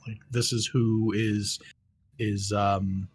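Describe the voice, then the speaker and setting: A man's voice: lowish voice, level tone, takes it slowly, husky, no room sound. A man narrating as game master, rambling, with many ums and restarts.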